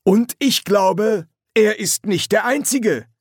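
Man doing a sly, booming old sergeant. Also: takes it slowly, husky, no room sound, clean studio sound, heavily acted. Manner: cool, cunning, commanding.

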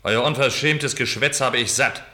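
An actor playing a stern, proud ship's captain in a radio play, speaking curtly and with contempt. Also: male voice, medium pitch, moderate pace, pushed and bright. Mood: stern refusal. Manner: curt, cold, contemptuous. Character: stern, proud male ship's captain, loyal to his king.

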